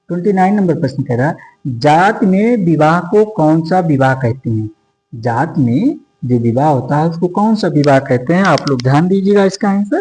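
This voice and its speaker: Male sociology tutor, warm and unhurried, exam-drill delivery, light music bed. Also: on the high side, poor audio. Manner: repeats question numbers, drills options for students. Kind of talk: exam-prep lecture.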